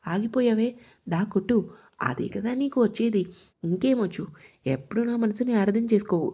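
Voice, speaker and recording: A woman's voice: mid-range voice, animated, normal speed, dark tone, slightly rough. A woman voicing a hurt, stubborn young woman who talks back bitterly, in a narrated audio story. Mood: defiant. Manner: defiant, bitter.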